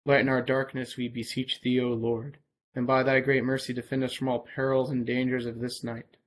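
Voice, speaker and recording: Even-toned male minister reciting prayers. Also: medium pitch, poor audio. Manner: solemn, measured liturgical recitation. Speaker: officiating minister. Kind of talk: Anglican evening prayer and informal homily. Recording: clear background noise.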